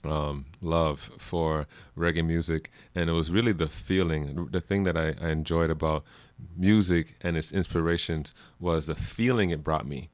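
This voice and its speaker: A man's voice: a bass voice, normal speed, hardly any pauses, no room sound. A man from Jamaica, a musician guest on a radio show, talking casually with frequent laughs and fillers. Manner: laughs often, relaxed rambling with many fillers. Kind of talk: casual interview chat.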